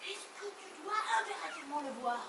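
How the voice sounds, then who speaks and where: A woman on a theatre stage playing a bossy, exasperated mother of the bride who shouts and interrogates. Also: very high-pitched, lively intonation, fairly quick. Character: bossy, frantic middle-aged mother of the bride. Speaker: stage actor. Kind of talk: live stage comedy acting. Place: farm theatre stage, live audience. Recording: echoey room, far off, faint hiss.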